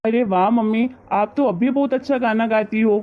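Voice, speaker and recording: A calm, dutiful son who soothes his mother and gently pushes back at his wife, as a woman acts him out. His voice sits fairly high for the role. The audio is dull and lo-fi. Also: normal speed, lightly acted. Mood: gentle. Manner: soothing, conciliatory.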